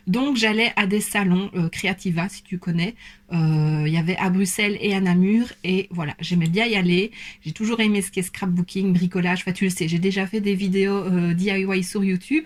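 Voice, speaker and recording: A young woman from Belgium with a light Belgian French accent, answering viewer questions in a casual vlog with many hesitant fillers. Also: mid-range voice. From Belgium, Liège province. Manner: hesitant, many fillers, soft and self-conscious. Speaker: beauty YouTuber.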